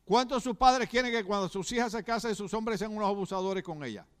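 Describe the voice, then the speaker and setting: A middle-aged man preaching a sermon in church, animated, often asking the congregation questions. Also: high-pitched, brisk, clear, resonant tone. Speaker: pastor.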